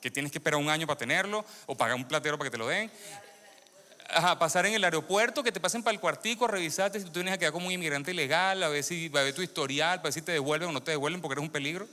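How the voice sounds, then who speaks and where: Bright-voiced Venezuelan-born man preaching. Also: fairly high pitch, racing. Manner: lively, questions the audience, repeats phrases for emphasis. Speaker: preacher giving testimony. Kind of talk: sermon testimony to a congregation. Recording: long hall reverb.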